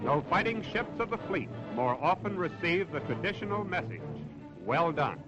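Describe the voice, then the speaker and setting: On a muffled old newsreel recording from the 1940s, a man with a high, animated voice declaims his narration dramatically at a moderate speed. Loud music plays throughout the soundtrack.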